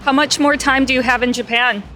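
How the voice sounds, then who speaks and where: A woman's voice: sits high, fairly even intonation, fairly quick, pushed and bright, faint music behind. A woman interviewing people, asking short, casual prompting questions.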